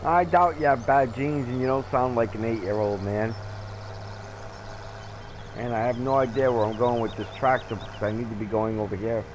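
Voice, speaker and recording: A man's voice: medium pitch, fairly even intonation, moderate pace, noisy background. A man in his fifties casually chatting with viewers while playing a game, rambling, joking and laughing at himself. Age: 50s. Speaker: gaming streamer.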